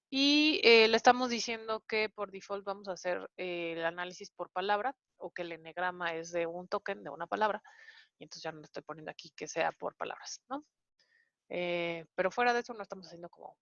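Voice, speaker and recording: A woman's voice: lowish voice, vocal fry, fairly bright tone, dry recording. Woman instructor, patient step-by-step coding walkthrough, filler-heavy, dry and dull lo-fi audio. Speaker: programming instructor. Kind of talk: online coding lesson walkthrough.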